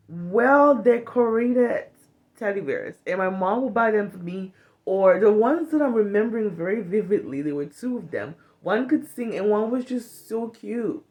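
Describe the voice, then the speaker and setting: A frank, blunt woman from Cameroon in her thirties, animated and medium-pitched, vlogs to her phone camera from a small bedroom about trauma healing. She swears freely and occasionally acts out short quoted lines in other voices, and the audio is close and casual, as if from a phone held at arm's length.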